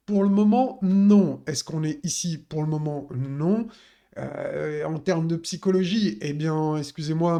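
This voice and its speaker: A man's voice: fairly high pitch, dark tone. A man talking casually through a crypto chart analysis, addressing viewers directly with many fillers.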